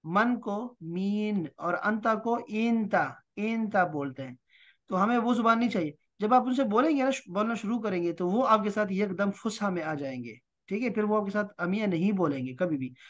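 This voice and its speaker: A man teaching a recorded language lesson, explaining step by step and repeating words slowly. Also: high-pitched. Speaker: Arabic teacher.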